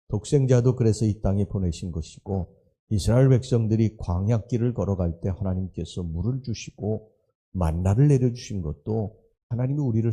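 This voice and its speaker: Male pastor, dawn sermon, low and very dark husky voice, preaches through rhetorical questions. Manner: rhetorical questions, earnest exhortation.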